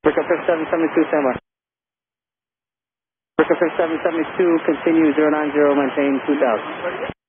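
A man's voice: on the high side, little pitch movement, fast, long pauses. A man working as an airport tower controller, giving clipped procedural instructions in air traffic control radio style. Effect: aviation radio. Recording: tinny, noisy air traffic radio channel.

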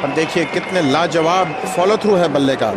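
A man giving excited play-by-play cricket commentary over a match broadcast. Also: on the high side, normal speed. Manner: excited play-by-play, praising shots. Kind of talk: Hindi sports commentary. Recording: loud stadium crowd and broadcast noise. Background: cheering stadium crowd.

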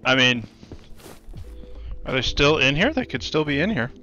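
A man's voice: mid-range voice, moderate pace, dull audio, faint music behind. A man streaming a VR shooter with friends, chatting casually and swearing often over a headset. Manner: relaxed, swears casually, calls out in-game. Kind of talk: casual gaming chat.

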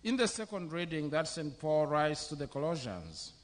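A middle-aged man from Zambia, a bishop preaching a sermon at a podium microphone in an outdoor covered church venue, speaking in slow, measured short phrases. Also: fairly high pitch, very animated.

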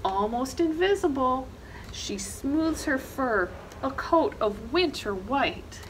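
This is a librarian's storytime: a middle-aged woman sitting in an indoor library reading corner, reading a children's picture book with expression. Her high-pitched voice has lively intonation and a slow pace, and she leans hard on the action words. Slight background noise and a low-quality recording mark the clip.

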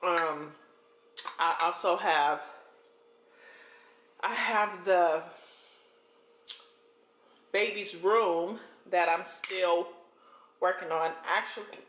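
A woman's voice: on the low side, a bit bright. A young American woman hosting a casual eating show, chewing while she talks in broken phrases. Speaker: mukbang host and vlogger. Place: home kitchen, indoors. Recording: roomy kitchen echo. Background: cutlery and dish clinks.

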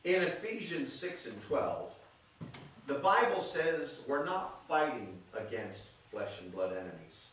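Slow, bright-voiced preacher in an echoey church. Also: male voice, medium pitch, a little hiss or hum. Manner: reads scripture aloud and calls out to the congregation. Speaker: pastor. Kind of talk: sermon. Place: church sanctuary. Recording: echoey church room, voice from a distance.

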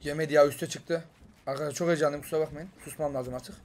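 A young man with a Turkish accent giving excited gameplay commentary, jumping between loud outbursts and muttering to himself. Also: fairly high pitch, fast. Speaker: gaming YouTuber.

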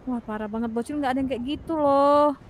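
High-voiced teasing woman roleplayer. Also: fairly quick, noisy background. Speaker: game roleplayer. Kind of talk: casual roleplay banter.

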